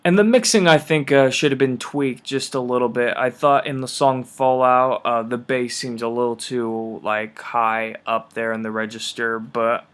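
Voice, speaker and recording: A man giving a casual spoken album review, raspy from polluted air, halting with many ums and uhs. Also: medium pitch, steady tone, fairly bright tone.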